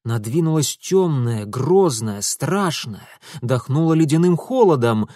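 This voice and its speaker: A man's voice: medium pitch, expressive, unhurried, warm tone, no room sound, studio quality. A man reading an adventure story aloud with dramatic, rhythmic storytelling. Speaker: audiobook narrator. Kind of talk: scripted audiobook narration.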